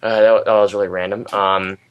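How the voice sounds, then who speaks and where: A man's voice: on the low side, flat delivery, a little fast, smooth, muffled recording. Rambling young man, eager and hesitant. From United States. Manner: rambling, hesitant with many ums, enthusiastic. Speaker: guest. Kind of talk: casual interview chat.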